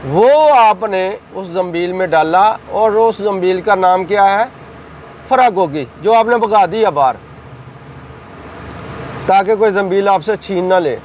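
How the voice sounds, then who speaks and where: A middle-aged man from Pakistan delivers heated political commentary in a high voice. He speaks combatively and accusingly, repeating phrases to hammer his points home, with a faint hum of outdoor traffic behind him. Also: a little mellow, rough recording. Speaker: political commentator hosting his own channel.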